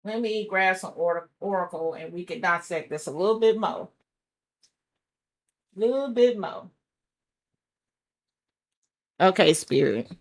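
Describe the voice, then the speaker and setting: Woman, country accent, lowish voice, casual tarot reader, chatty, blunt, swears freely, thinks out loud. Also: normal speed, hardly any pauses. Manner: chatty and blunt, thinks aloud over the cards, calls viewers child and baby. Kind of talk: casual tarot reading to viewers.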